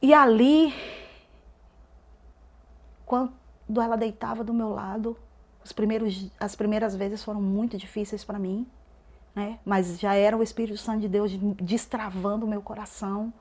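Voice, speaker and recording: A woman's voice: medium pitch, little pitch movement, moderate pace. Woman giving a dramatic testimony. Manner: dramatic storytelling, swings between loud and hushed. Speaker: podcast guest. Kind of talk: emotional personal testimony.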